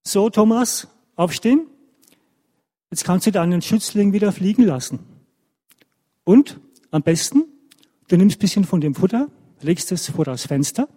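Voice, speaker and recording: A man voicing a warm, practical mother in a told children's story, coaxing and gentle. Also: sits high, animated, unhurried, pauses often, in a large hall, pitched above the performer's own voice.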